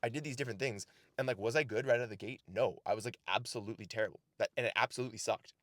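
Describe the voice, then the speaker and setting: A man's voice: on the low side, racing, fairly bright tone, no room sound, clean studio sound. A man from Canada giving casual life advice to camera, earnest and direct, often asking "right?". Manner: earnest, repeats "right?" and "the reality is". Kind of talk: casual motivational talk to camera. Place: outdoors in snow.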